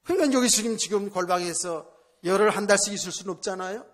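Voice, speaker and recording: High pitched guy pastor giving a sermon at church, talky, keeps asking the congregation questions and repeating himself. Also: quick pace. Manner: conversational preaching with rhetorical questions to the congregation; repeats phrases for emphasis. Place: church service.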